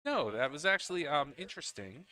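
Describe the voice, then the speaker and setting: Lively, bright-voiced male pool commentator. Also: a little high, fairly quick. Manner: chatty, talks to co-commentator between shots. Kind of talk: live play-by-play commentary. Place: indoors at a pool league venue.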